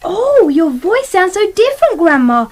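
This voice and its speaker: A woman's voice: very high voice, big pitch swings, normal speed, darkish tone. A British woman playing a prim, cheeky little girl in a comic radio play, with stagey sweetness. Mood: sweetly dutiful.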